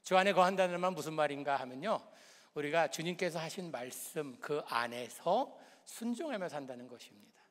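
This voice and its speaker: Male pastor with a slightly high voice, preaching in a chatty, humorous style, long church-hall echo. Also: animated, fairly quick, a bit bright. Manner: conversational preaching with rhetorical questions and humor. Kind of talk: sermon.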